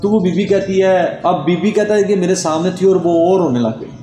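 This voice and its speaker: A man with a somewhat high, mellow voice tells a Sufi devotional story with drama, dropping into a lower voice for quoted speakers. He sounds roomy, with a long hall reverb behind him. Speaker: religious storyteller.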